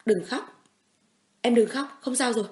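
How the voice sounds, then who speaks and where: A woman's voice: on the high side, unhurried, voice pushed up, close to an everyday voice. A protective young hero in a romance audiobook, read by a woman narrator in her own voice. He speaks firmly and soothingly, tender with his beloved, cold and threatening toward enemies. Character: protective young man, tender yet menacing.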